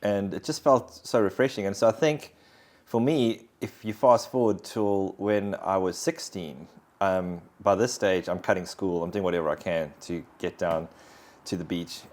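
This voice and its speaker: A man's voice: deep voice, steady tone, normal speed, a little mellow. A man, sharing his personal faith story in an interview in an earnest, reflective way. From South Africa. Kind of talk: conversational personal testimony.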